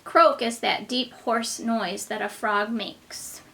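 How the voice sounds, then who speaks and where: Bright, slow woman reading to little children. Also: fairly high pitch, creaky. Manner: simple, child-directed phrasing, as if reading to a toddler. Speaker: kindergarten teacher. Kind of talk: reading a children's book aloud to young children, with asides and questions.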